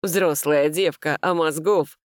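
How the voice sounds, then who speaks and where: A woman reading an audiobook and voicing a blunt, loud older father who scolds and scoffs. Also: steady tone, slow pace, dry recording, clean studio sound. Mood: scornful. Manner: booming, scolding. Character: gruff blunt older man, loud and scornful.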